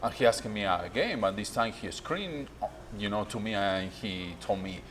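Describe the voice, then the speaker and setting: A man's voice: lowish voice, normal speed, slight background noise. A man from Argentina with an Argentine accent and Spanish as his first language, a restaurant owner telling his story in a candid on-camera interview, peppering his English with "you know". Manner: non-native English, frequent "you know", animated retelling.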